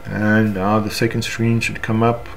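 A South African man with a fairly low, level, creaky voice walks through a software tutorial unscripted, explaining each step haltingly as he goes. It's a screencast, with faint noise and room ambience behind him.

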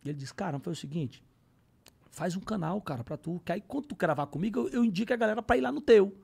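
A man's voice: high-pitched, lively intonation, fast talker, vocal fry, a little mellow, breathy edge. A man, telling stories on a podcast in casual, slangy chat and bursting into sung parodies. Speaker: podcast guest, comedian.

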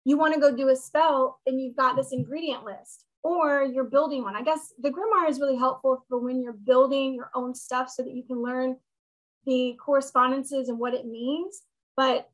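A woman in her thirties hosting a witchcraft meetup over a video call, explaining in a relaxed, joking teaching chat from a room at home. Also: high voice, low-quality recording.

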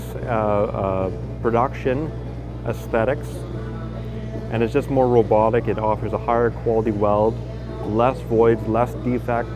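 A man's voice: on the low side, low-quality recording. A man with a Canadian accent gives unscripted commentary in a fabrication shop, explaining a welding process step by step with fillers and restarts. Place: large industrial fabrication shop, indoors. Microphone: handheld or lapel mic. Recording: background music under voice.

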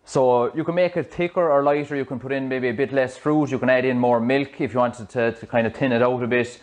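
A man in his thirties with an Irish accent, a fitness coach talking through a smoothie recipe in his home kitchen on a clip-on mic, chatty and explanatory. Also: mid-range voice, fairly even intonation, fairly quick, darkish tone. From Ireland. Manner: chatty, explanatory, loose restarts. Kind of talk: casual cooking demonstration. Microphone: small clip-on mic.

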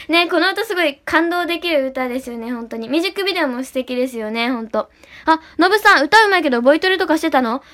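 A woman livestreaming as an idol, talking fast and bubbly while reading out and answering chat comments. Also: high voice, animated, fairly bright tone. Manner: bubbly, often repeats "really".

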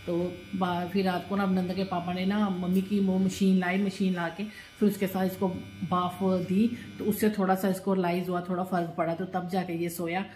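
A woman's voice: on the low side, little pitch movement, moderate pace, few pauses, darkish tone, reverberant, slight background noise. A woman in her thirties chatting casually to her phone camera at home, now and then scolding her child and pets. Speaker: vlogger. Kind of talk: casual home vlog chat. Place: home, indoors.

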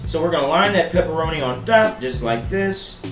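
This man in his thirties hosts a casual cooking show from his roomy home kitchen, with music playing behind him. His voice is on the high side, fairly quick, with lively intonation, and he jokes playfully, calling viewers baby and buddy. A camera mic picks him up from a few feet away.

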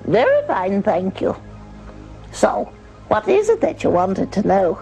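A serene female spirit from another world, as a woman channels her, speaking slow and measured with a dark, gravelly undertone. Heard in an old documentary clip with faint music underneath. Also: medium pitch, wildly swooping pitch, exaggerated voice, poor audio. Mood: greeting. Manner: slow, measured, gently instructive.

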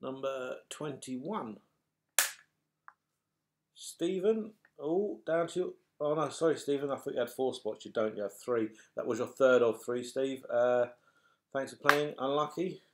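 A middle-aged British man reads raffle balls aloud like a bingo caller, giving numbers and names to the players in a chatty, matey, apologetic manner. His medium-pitched voice moves a little slowly. Clatter fills the noisy home webcam recording, made indoors in a small furnished room.

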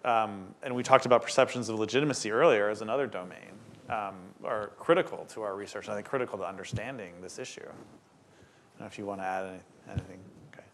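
A middle-aged man speaks as a researcher on a panel, answering questions from the audience. He lays out his reply in clear, ordered points. He stands at the front of a lecture hall. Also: lowish voice, fast, slight background noise. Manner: engaged, explains in ordered points.

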